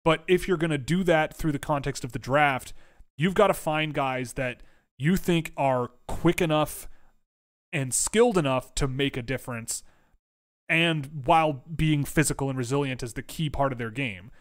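A man's voice: a little high, normal speed. A man answering viewer questions about hockey prospects in a casual livestream, rambling with lots of fillers and restarts, his voice wearing out. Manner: rambling, self-interrupting, filler-heavy. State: losing his voice.

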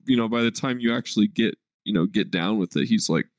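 Gravelly laid-back young man. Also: fairly low pitch, quick pace, dry recording. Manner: laid-back, swears a lot, heavy filler words. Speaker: podcast co-host. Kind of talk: casual chat.

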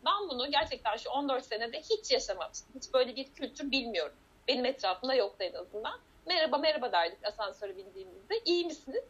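Woman guest, high husky voice, earnest and reflective, dull lo-fi recording. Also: a bit bright. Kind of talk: casual conversation. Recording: dull lo-fi sound.

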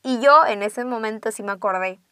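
A young woman, casually telling a ghost story and dropping to hushed tones for suspense. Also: fairly high pitch, normal speed, clean tone, no room sound, studio quality.

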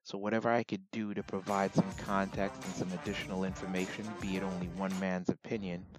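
A man with a raspy, gravelly voice giving informal solo commentary as a host, in a measured, reflective way with deliberate pauses. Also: low-pitched, little pitch movement, over music.

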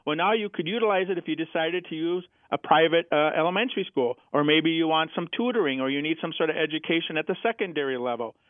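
A man's voice: a little high, fast talker, hardly any pauses, dry recording. American man on a tinny phone-like line. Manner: plain-spoken, explains with examples and rhetorical questions. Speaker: financial advisor, show guest. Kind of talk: explanatory interview talk. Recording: tinny phone-like radio sound.

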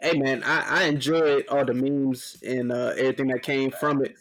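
A man in casual group chat, telling stories with animated, acted-out quotes. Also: mid-range voice, normal speed. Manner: animated storyteller, acts out quotes.

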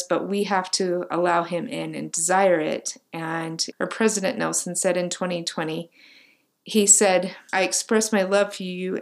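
Casting: female podcast host, fairly low voice, loose chatty delivery full of "like"s. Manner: warm, gushing, filler-heavy with many "like"s. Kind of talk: casual faith podcast chat.

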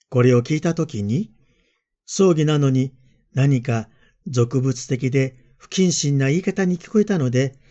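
Calm, mellow Japanese priest giving a homily. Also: male voice, on the high side. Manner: calm, reflective, measured delivery. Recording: dull lo-fi voice message.

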